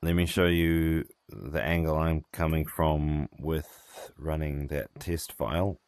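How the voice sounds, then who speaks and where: A man with a strikingly deep voice and gravelly fry talks through a technical problem on a work call. His humour is dry and teasing, and the sound is close and dry. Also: little pitch movement, takes it slowly, no echo. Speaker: software developer on a work call. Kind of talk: casual technical chat.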